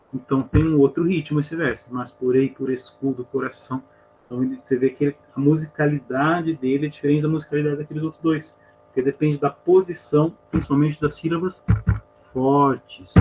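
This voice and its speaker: A man's voice: fairly high pitch, a little mellow, slight background noise, poor audio. A man with a Brazilian Portuguese accent teaching an online literature class, patiently counting syllables step by step. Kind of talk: online class explaining poetry.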